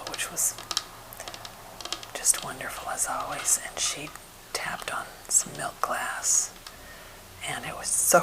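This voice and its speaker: An American woman whispering softly and breathily in a gentle, unhurried ASMR chat, as for a finger-tapping video. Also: sits low, low-quality recording. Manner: gentle, unhurried rambling storytelling. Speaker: ASMR creator showing wooden objects.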